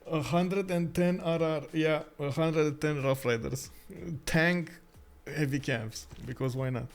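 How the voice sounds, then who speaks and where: A Romanian man with a Romanian accent hosts a stream and commentates a strategy game as an esports caster. His talk is chatty and halting, often breaking into laughter, in a slightly high voice with fairly even intonation.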